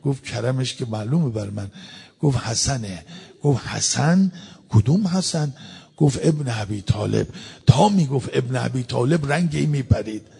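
A man's voice: mid-range voice, vocal fry, dark tone, breathy edge. A man preaching a mourning sermon, telling a story with feeling and acting out the people he quotes. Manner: dramatic storytelling, acts out quoted speakers.

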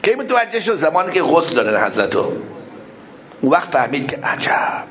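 A male preacher delivers a storytelling sermon with a slightly high voice that swings widely in pitch. He asks his listeners questions and answers them himself. He jumps between near-shouted exclamations and hushed, low asides. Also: a little hiss or hum. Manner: animated, acts out dialogue in raised voices, then drops to a low murmur.

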